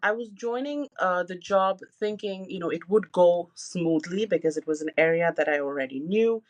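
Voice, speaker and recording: A woman in her thirties co-hosts a casual personal podcast, speaking frankly and openly and leaning on lots of "you know" fillers. Her voice is lowish and her pace normal.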